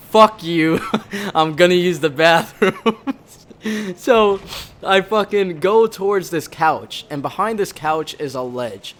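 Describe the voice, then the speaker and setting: A young man from the Bronx, formerly a Marine, tells a meandering, heavily profane story while gaming, repeatedly correcting himself mid-sentence. His voice runs high and fairly bright, and there's a slight hiss or hum.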